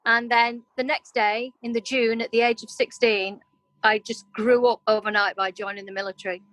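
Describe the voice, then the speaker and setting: Speaking as an interview guest, a middle-aged woman who runs a creative business shares personal stories in a frank, expressive, conversational way. She has a Yorkshire accent with some Welsh influence, reflecting roots in Yorkshire and North Wales, UK. Her fairly bright, highish voice stays level at a moderate pace, on a dry, low-quality recording.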